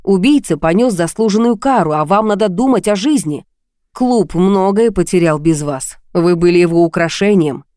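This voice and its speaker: Brief: a woman doing a composed man on the phone, measured and cryptic, mellow dry voice. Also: on the low side, animated, no echo, lightly acted. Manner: measured, mysterious.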